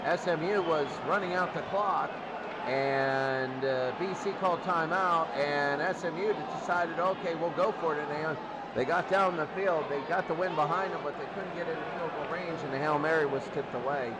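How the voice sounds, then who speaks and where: At normal speed, a man whose voice is on the high side does casual radio-style American football play-by-play, musing aloud while calling the game. Loud crowd noise from the stadium roars behind him.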